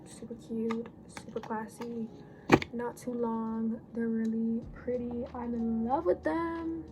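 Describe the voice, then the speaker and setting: Chatty teenage girl, slightly hoarse. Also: a little high, steady tone, slow pace, noisy background. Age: late teens. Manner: rambling, chatty, self-correcting. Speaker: beauty vlogger. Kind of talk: casual get-ready-with-me chat. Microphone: phone camera.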